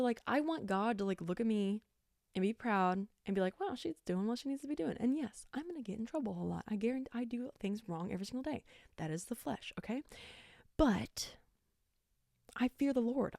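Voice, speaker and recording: A woman hosting a casual Bible study talk, talking fast and chatty with lots of "like", earnest and upbeat. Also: mid-range voice, gravelly, a little mellow, no room sound, clean studio sound. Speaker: podcast host.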